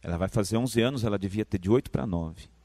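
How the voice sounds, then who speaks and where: A man with a Brazilian Portuguese accent preaching a sermon in a church, moving from quiet, low storytelling to loud, high-pitched shouted preaching. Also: quick pace, dry recording. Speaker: pastor.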